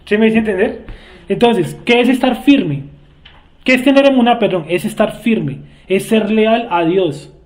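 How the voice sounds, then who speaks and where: A high-voiced man with a Bogotá Colombian accent leads a Bible study group. He talks in a relaxed, conversational way and keeps asking his students whether they understood. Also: measured pace. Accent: Bogotá Colombian Spanish. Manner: conversational, checks understanding often, asks the class questions. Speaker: teacher leading a Bible study class. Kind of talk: informal religious teaching.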